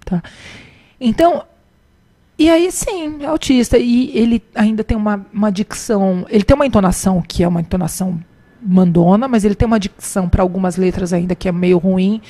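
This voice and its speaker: A middle-aged woman talks with a mellow, warm tone as a guest in a conversation. She tells stories and acts out the dialogue, and her pitch jumps up when she does. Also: brisk. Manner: recounts events by acting out dialogue, animated pitch jumps. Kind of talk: conversational storytelling.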